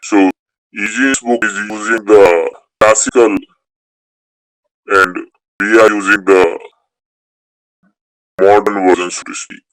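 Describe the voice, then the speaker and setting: A man's voice: fairly low pitch, steady tone, slow, pauses often, fairly bright tone, no room sound, poor audio. A man teaching a beginners' Sanskrit class, explaining rules step by step and repeating key points. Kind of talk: online class lecture.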